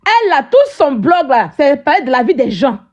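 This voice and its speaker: A woman's voice: high-pitched, big pitch swings, moderate pace, a little mellow, highs cut off. A woman hosting a live stream, ranting at her viewers in a combative, mocking way and often asking "hein?".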